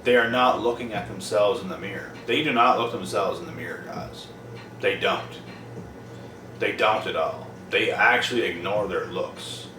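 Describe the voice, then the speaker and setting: A young man talks bluntly to the camera, swearing freely and hammering his points home by repeating them. His voice sits low. It reaches the mic from a distance in a roomy space with clear background noise. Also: moderate pace, music in the background. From Prince Edward Island, Canada. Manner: blunt, profane, emphatic repetition. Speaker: vlogger. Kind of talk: casual monologue to camera.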